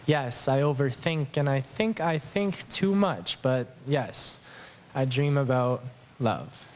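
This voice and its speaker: A man's voice: mid-range voice, lively intonation, slow pace, noisy background. A man from Southern Alberta reading his own love poem at a live open mic, earnest and a little nervous. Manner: earnest, tender, a bit nervous. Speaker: poet. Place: small acoustic lounge with live audience.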